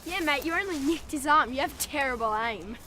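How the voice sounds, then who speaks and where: A woman's voice: sits high, animated, sharp tone, a little hiss or hum. A young woman playing a blunt stranded teenager in film dialogue, firing off questions. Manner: blunt, rapid-fire questions.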